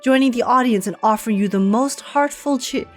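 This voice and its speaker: A woman's voice: fairly high pitch, a little fast, soft background music, close to an everyday voice. A woman voicing a gallant knight of beauty with flowery, theatrical, courtly delivery, reading game dialogue. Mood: admiring, gracious. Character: gallant, florid male knight devoted to beauty.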